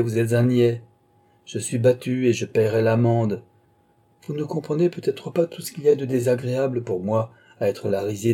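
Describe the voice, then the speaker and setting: A man's voice: mid-range voice, warm tone, lightly acted. A man voicing a proud, sardonic old duke and marshal in an audiobook, with brusque retorts. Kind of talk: audiobook character reading.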